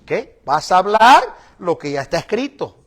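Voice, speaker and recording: Man, bishop preaching, bilingual sermon, high-pitched, animated. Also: moderate pace. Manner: switches between Spanish and English, animated with laughs.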